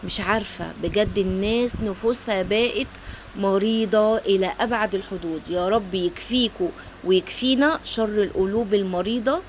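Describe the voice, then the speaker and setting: A woman's voice: medium pitch, moderate pace, a little hiss or hum. A middle-aged woman with an Egyptian Arabic accent hosts a cooking video, talking through a recipe in a casual, affectionate way. She pours out blessings and oaths to her viewers. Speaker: cooking channel host.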